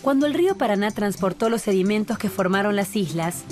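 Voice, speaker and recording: A woman reading scripted documentary narration in a calm, measured, explanatory way. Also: medium pitch. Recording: voice-over with clear music behind. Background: music.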